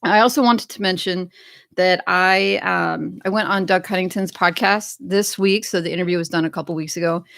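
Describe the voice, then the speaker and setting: This is a chatty American woman hosting a casual livestream, her voice sitting on the lower side. She talks in an upbeat, loose way, reading out comments from viewers. The sound is dry and close, with no room around it. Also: fairly even intonation, moderate pace, a bit bright, dry recording. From United States. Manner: chatty, upbeat, reads chat comments aloud. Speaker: livestream host.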